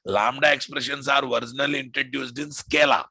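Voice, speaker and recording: A man's voice: mid-range voice, fairly even intonation, a little fast, creaky, pushed and bright, breathy edge, dry recording. A man with a Telugu Indian English accent lecturing informally as a programming instructor, emphatic, repeating phrases and often checking with the class through questions.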